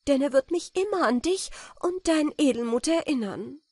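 A woman reading aloud and voicing a noble countess who speaks in a high, emotional way. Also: animated, normal speed, dark tone, dry recording, studio quality. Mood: moved, joyful. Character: noble countess, tender and overjoyed.

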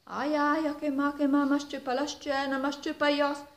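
A woman's voice: fairly high pitch, fairly even intonation, moderate pace, natural voice. Woman as a gullible Milanese wolf, echoey. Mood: pained. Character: big, gullible, kindly male wolf. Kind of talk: oral folk tale. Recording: echoey room, distant microphone.

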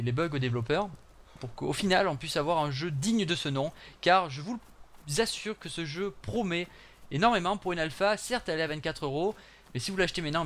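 A man's voice: a little high, a bit bright. A young man chatting through his gameplay for viewers, with joking asides. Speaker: gaming channel host. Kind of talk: live gameplay commentary.

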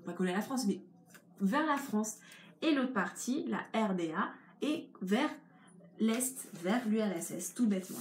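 Young female tutor, casual lesson delivery, mid-pitched voice, roomy echo. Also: slight background noise. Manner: chatty, explains step by step. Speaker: history tutor. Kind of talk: informal history lesson. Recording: echoey room with faint ambience.

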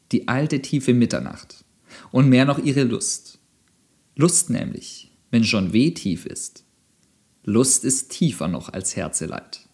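A man reading a philosophical text aloud as an audiobook, declaiming with dramatic pauses. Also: medium pitch, darkish tone. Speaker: audiobook narrator.

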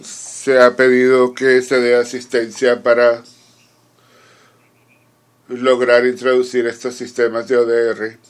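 A man providing simultaneous interpretation at a conference speaks formally, in brief measured phrases with faltering pauses. His delivery is smooth and monotone at a medium pitch.

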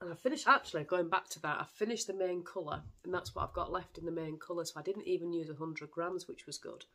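A woman's voice: lowish voice, quick pace, fairly bright tone. Woman, podcast host, casual self-mocking chat at home. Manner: chatty, self-deprecating storytelling.

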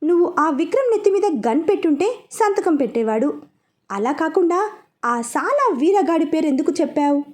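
A rough, irritated gangster sidekick, put on by a woman narrator, with a Telangana Telugu accent laced with Hindi words. His grumbling lines come out high and dark-toned. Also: very animated, normal speed. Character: irritated male gangster sidekick, local tough.

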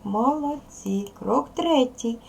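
A woman's voice: on the high side, animated, takes it slowly, gravelly, darkish tone, a little hiss or hum. A woman teaching a recorded primary school lesson, patiently asking questions and answering them herself. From Ukraine.

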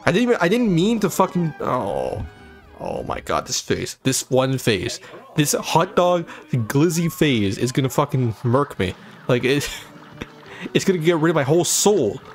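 A man's voice: fairly high pitch, big pitch swings, moderate pace, soft background music. A young man hosting a let's-play channel, swearing constantly and rambling jokes at a game boss as he plays into a desk microphone. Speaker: gaming channel host. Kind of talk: profane let's-play commentary.

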